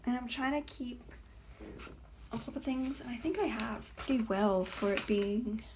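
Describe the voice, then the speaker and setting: A woman's voice: a little high, a little slow, heavy background noise. A young woman chatting casually while planning, rambling with many fillers and sometimes dropping to a whisper. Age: young adult. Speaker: planner vlogger. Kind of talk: casual plan-with-me chat.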